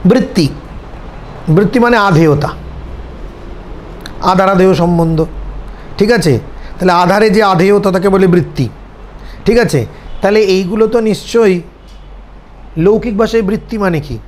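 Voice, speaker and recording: A man with a Bengali accent delivers a seminar lecture in a high-pitched voice. He explains concepts step by step and keeps asking whether his listeners have understood. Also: normal speed, pauses often. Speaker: seminar teacher. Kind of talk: lecture to students.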